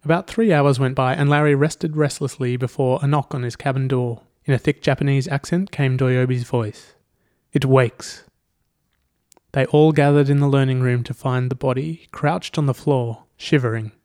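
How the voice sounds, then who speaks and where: Male narrator for a read-aloud story; steady, dry close recording. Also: mid-range voice, normal speed, dry recording. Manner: steady storytelling with quoted dialogue. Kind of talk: scripted narration.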